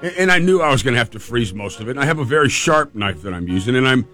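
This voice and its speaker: A male radio host with a mid-pitched voice tells a casual, humorous story. He rambles and repeats phrases for emphasis, with faint music underneath. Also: expressive, very fast, pushed and bright.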